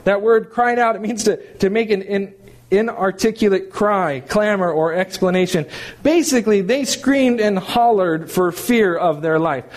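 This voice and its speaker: Man, middle-aged, pastor, sermon, emphatic, rhetorical questions, somewhat high voice. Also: moderate pace.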